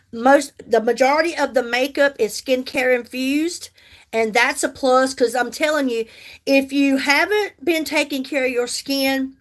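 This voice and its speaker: A woman from the US in her 50s, with a high and fairly bright voice, talks casually while applying makeup on a livestream. Chatty by nature, she responds to viewer comments after reading them and often says things twice for emphasis.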